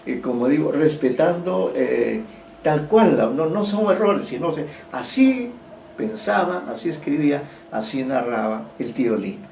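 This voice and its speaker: Hesitant male lecturer, gravelly voice. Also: fairly high pitch, big pitch swings, unhurried, darkish tone. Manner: hesitant, many fillers and restarts. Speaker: literature teacher. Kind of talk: university lecture. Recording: echoey room, distant mic, faint noise.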